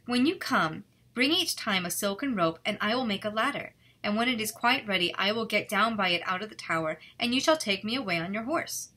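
A woman voicing an innocent young maiden in a fairy tale, speaking in a raised, gentle voice. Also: mid-range voice, expressive, brisk, few pauses. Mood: hopeful.

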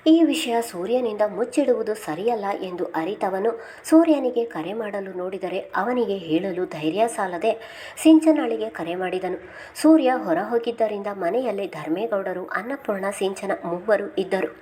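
A woman reads a family novel aloud in the steady voice of a storyteller. Her pitch sits in the middle range, and she takes on every character's lines herself, lifting her voice when a question turns anxious. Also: normal speed, slight background noise. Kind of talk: scripted narration of a family novel.

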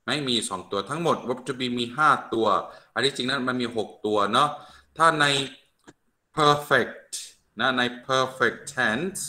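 A man gives an online English grammar lesson with a bright, forceful tone. He stretches out each English example slowly, then switches to brisk Thai explanations. He speaks into a computer microphone on a video call. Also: mid-range voice. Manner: slow, drawn-out English drills mixed with quick Thai explanations. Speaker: English teacher.

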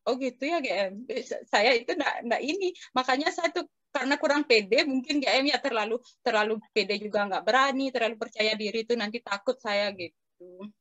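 A woman's voice: on the high side, a little fast, a bit bright, no echo, highs cut off. A woman in casual conversation, telling a personal experience to her teacher, hesitant and respectful, with many fillers and restarts. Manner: respectful, keeps addressing the teacher. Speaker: participant asking the teacher.

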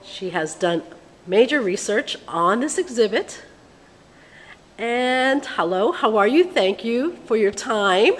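A woman's voice: fairly high pitch, animated, slow pace. A woman in her thirties hosting a vlog, speaking in a playful, theatrical way as she interviews a curator inside a museum exhibit. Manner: theatrical, chatty, mixes Spanish greetings. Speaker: vlog host. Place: large museum exhibit hall, indoors. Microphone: handheld camera held close. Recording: long hall reverb with background noise.

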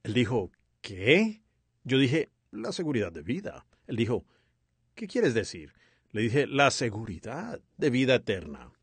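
A man voicing over a sermon as a dub, with a lively, expressive delivery. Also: medium pitch, measured pace, breathy edge, no echo. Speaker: sermon interpreter.

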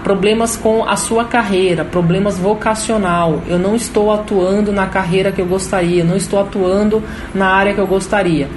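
A woman's voice: mid-range voice, background noise. A woman with a Brazilian accent giving an informal explanatory talk as a program host. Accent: Brazilian Portuguese. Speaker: program host and holistic therapist.

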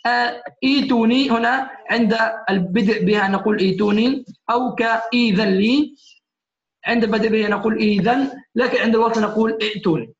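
A man with a higher voice lectures a class, stopping often to check that his students follow. The sound is roomy and echoey, and the recording is muffled and lo-fi. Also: fairly even intonation, brisk. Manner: patient, keeps checking "alright?" with students. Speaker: Quran recitation teacher.

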